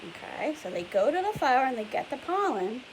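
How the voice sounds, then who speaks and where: Briskly, a young woman teacher reads a picture book aloud, her lively voice sitting a little high and moving up and down. She talks the children through it in a chatty way and keeps quizzing them. Poor audio with faint background hiss.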